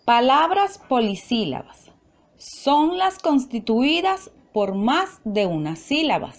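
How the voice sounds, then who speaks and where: A woman teacher works through a recorded lesson slowly and deliberately, spelling out every syllable with care. Her pitch is a little high and moves up and down a lot.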